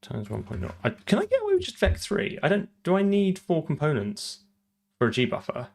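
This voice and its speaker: Man, gravelly voice, live coding stream, thinking aloud, halting repeats. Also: on the high side, wildly swooping pitch, darkish tone. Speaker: programming streamer.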